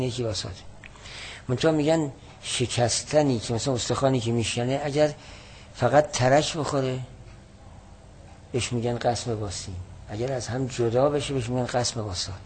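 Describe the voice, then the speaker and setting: A man teaches a classical text in a steady, explanatory way, with a voice neither high nor low. He reads quoted passages slowly and with more weight. A faint background hiss sits under the recording.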